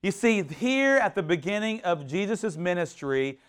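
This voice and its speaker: A man preaching a sermon in an animated, conversational way, with frequent restarts and bursts of mock shouting. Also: high-pitched, normal speed, clear, resonant tone. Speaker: pastor.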